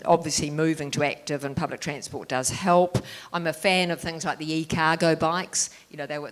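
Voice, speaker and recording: A woman speaks as a candidate at a public forum in a low voice. Her delivery is measured, with only a few pauses on fillers. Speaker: mayoral candidate.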